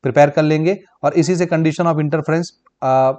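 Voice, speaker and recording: A physics teacher with a Chhattisgarh Hindi accent runs through exam questions in a brisk, familiar way. He speaks in a fairly high voice and often calls his students brother or child. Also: steady tone, a little mellow. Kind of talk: exam-prep lesson.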